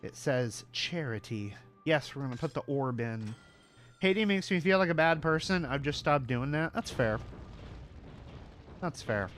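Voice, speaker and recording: A man's voice: mid-range voice, lively intonation, measured pace, a bit bright, soft background music. A male streamer chatting casually while playing, ranting with swearing and self-mocking jokes. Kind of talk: casual gaming stream chat.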